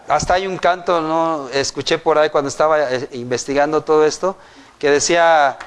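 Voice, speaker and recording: A man's voice: a little high, smooth. A man with a Mexican Spanish accent preaching a sermon in a church, speaking conversationally and often checking in with rhetorical questions. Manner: conversational, asks the congregation frequent rhetorical questions.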